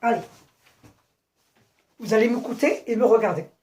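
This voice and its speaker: A woman teaching young children a phonics lesson, speaking slowly and clearly, repeating and spelling out words and often checking they follow. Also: a little high, a little mellow. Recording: echoey room, voice from a distance.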